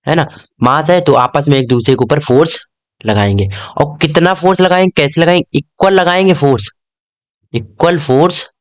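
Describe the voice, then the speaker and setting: A young man teaches an exam-prep lesson. He talks casually at a medium pitch and keeps checking that his students follow with a quick "okay?". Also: clean tone. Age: young adult.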